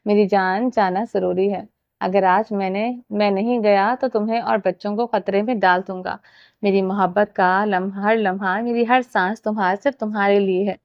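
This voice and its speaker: A woman's voice: mid-range voice, fairly even intonation, no echo, lo-fi sound, lightly acted. A woman voicing a devoted, protective husband in her own earnest reading voice. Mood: tender, resolute.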